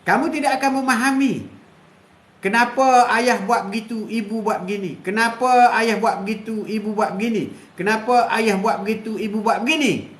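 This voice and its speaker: A man's voice: high-pitched, normal speed, fairly bright tone. An older man, hosting a live stream and giving a preachy, repetitive moral talk, chuckling often. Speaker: host. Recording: echoey room.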